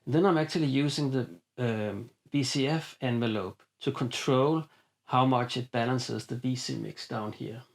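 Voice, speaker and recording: A synth demonstrator walks through a modular synth patch in a hands-on demo, explaining casually with frequent fillers and restarts. His mid-range voice has vocal fry and a moderate pace, and synthesizer music plays behind him.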